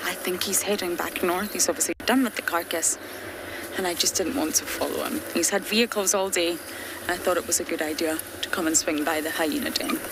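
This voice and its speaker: Brisk and fairly low-pitched, with fairly even intonation, a Scottish-accented woman from Scotland talks earnestly to viewers as a safari guide on a live game drive. She's in an open vehicle outdoors in the bush at dusk, with bush ambience and engine noise audible.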